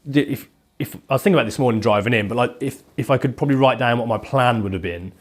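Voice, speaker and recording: He's a man in his thirties from England who makes leather goods and is guesting on a podcast. A head cold leaves him sounding nasal as he spins out his story in loose, casual talk full of "like", his medium-pitched voice moving fast.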